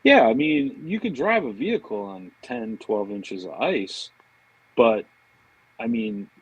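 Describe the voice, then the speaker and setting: Animated and unhurried, this mid-range male voice carries a breathy edge, captured in a dry, dull recording. He's a fishing marketing director on a podcast, chatting loosely and sharing stories peppered with "you know" and "man."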